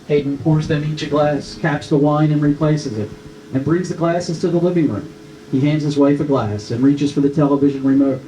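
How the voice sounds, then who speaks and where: As narrator at a table read, a man reads screenplay stage directions aloud in a fairly high, dark-toned voice with a steady tone at a moderate pace. The recording has a roomy echo and clear background noise.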